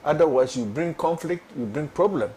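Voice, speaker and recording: A man's voice: a little high, expressive, moderate pace, warm tone, rough recording. Earnest Ghanaian man on a panel. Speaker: politician guest. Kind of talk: studio panel discussion.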